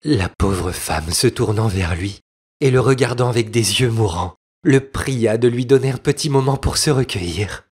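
A man narrating a storybook fairy tale with a husky voice, in slow, expressive storytelling. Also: mid-range voice. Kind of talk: storybook reading.

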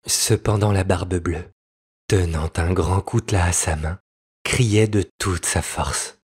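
A man narrating a storybook fairy tale with a husky voice, in slow, expressive storytelling. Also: deep voice. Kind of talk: storybook reading.

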